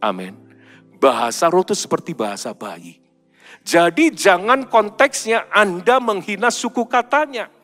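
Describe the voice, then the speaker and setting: A middle-aged male pastor preaching a sermon in an animated, storytelling way. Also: sits high, a little slow. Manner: animated preaching with sudden loud mimicked baby cries. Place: large church hall. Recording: hall reverb with faint music.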